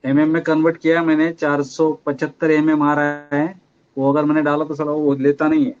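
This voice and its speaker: A man's voice: fairly high pitch, completely flat delivery, moderate pace, a little mellow. Hesitant man on a muffled call. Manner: hesitant, explaining step by step. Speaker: technician asking a question.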